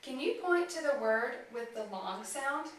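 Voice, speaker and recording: A woman with a high voice talks to a child in a therapy session, drawing out each word slowly. Her speech is exaggerated and encouraging. She is recorded from a distance in a very echoey room. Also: animated, a bit bright, slight background noise. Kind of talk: child-directed therapy demonstration. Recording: echoey room, mic far off.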